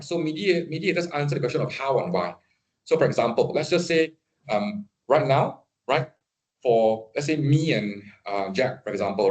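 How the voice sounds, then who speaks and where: Middle-aged man, casual statistics lecture, checks in with listeners. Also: mid-range voice. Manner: conversational, keeps asking "right?" to check understanding. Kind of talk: university statistics talk.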